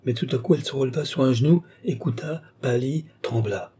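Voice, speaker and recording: Male audiobook narrator, measured, very dark and husky timbre. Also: mid-range voice. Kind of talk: literary audiobook reading.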